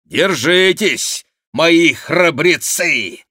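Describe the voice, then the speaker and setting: A man's voice: on the high side, animated, a little slow, a bit bright, dry recording, clean studio sound, pitched above the performer's own voice. A man reading an audiobook plays a bold young swordsman, his voice lifted, ringing and commanding. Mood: rallying.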